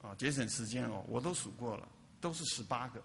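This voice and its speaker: A man's voice: medium pitch, animated, a little fast, creaky, big-room sound, a little hiss or hum. A man preaching a sermon as a pastor, often asking the congregation questions and repeating words for emphasis.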